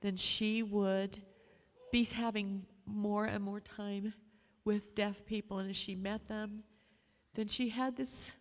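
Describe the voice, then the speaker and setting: Slow, halting Englishwoman in an echoey hall. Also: mid-range voice, steady tone. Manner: halting, repeats phrases. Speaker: bereaved mother speaking at a memorial. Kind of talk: informal memorial tribute. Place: large echoey room at a gathering. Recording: echoey hall with long reverb.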